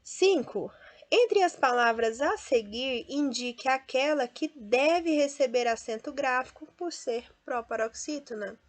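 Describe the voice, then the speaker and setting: A woman's voice: high-pitched, animated, a little slow. A woman teacher with a Brazilian Portuguese accent who explains step by step and draws out each example word. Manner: explains step by step, often adds tag questions; stresses and drawls out example words. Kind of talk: classroom lesson.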